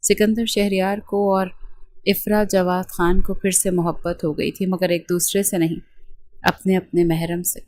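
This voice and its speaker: A woman narrating a romance novel in a steady, gentle storytelling manner. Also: fairly low pitch, no echo. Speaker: novel reader.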